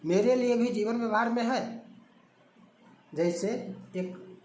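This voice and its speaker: A man's voice: very high-pitched, slow pace, darkish tone, roomy sound, a little hiss or hum, poor audio. A man giving a spoken religious discourse, emphatic and repetitive, often asking rhetorical questions. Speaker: religious commentator.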